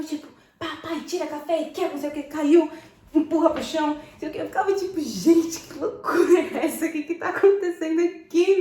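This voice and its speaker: A Brazilian woman with a Brazilian Portuguese accent, telling stories to camera in an animated, emphatic way and thinking aloud as she goes. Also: fairly high pitch. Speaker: vlogger. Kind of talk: casual storytelling to camera. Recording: roomy echo.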